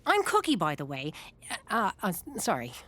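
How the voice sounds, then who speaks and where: An actress playing a brassy, blunt, exasperated wife in an adult cartoon. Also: female voice, on the low side, wildly swooping pitch, moderate pace, fairly bright tone, full character voice. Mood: awkward.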